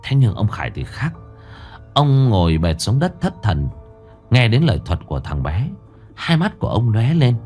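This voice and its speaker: A man narrating a ghost story in an expressive, dramatic storytelling manner. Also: mid-range voice, moderate pace, soft background music.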